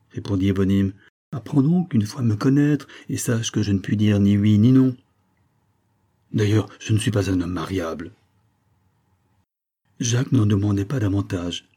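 A man reading a classic French novel aloud as an audiobook narrator, steady and unhurried. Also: on the low side, husky. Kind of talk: scripted narration.

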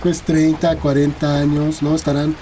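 A man's voice: a little high, completely flat delivery, normal speed, dark tone, slight background noise. A man with a Mexican accent, a guest linguist explaining things in an interview, hesitant and full of fillers and tag questions.

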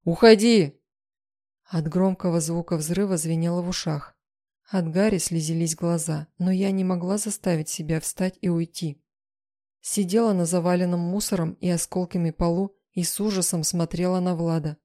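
A woman's voice: fairly low pitch, steady tone, normal speed, mellow. Woman narrating a tense audiobook. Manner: tense, emotional storytelling. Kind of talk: first-person dramatic audiobook narration.

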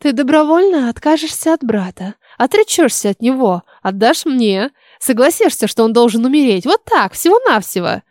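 A woman's voice: high-pitched, big pitch swings, moderate pace, hardly any pauses, a little mellow, no echo, studio quality. A woman reading the lines of a cruel, cunning old witch in an audiobook, speaking in a coaxing, menacing way.

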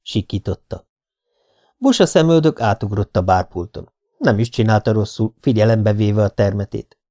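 A man's voice: on the low side, lively intonation, warm tone. A man reading a first-person hard-boiled novel aloud, in a dry, laconic manner. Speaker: audiobook reader. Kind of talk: first-person audiobook narration.

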